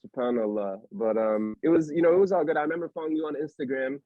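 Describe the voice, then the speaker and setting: This young Allentown, Pennsylvania podcast host talks fast in a voice on the high side, keeping the chat casual, slangy, and rambling with lots of fillers. The sound is phone-quality.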